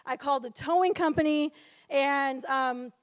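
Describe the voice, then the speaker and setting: A woman's voice: sits high, unhurried. A young woman in her twenties speaking at a retreat, telling a humorous personal story in a chatty way, full of "like" and frequent laughter.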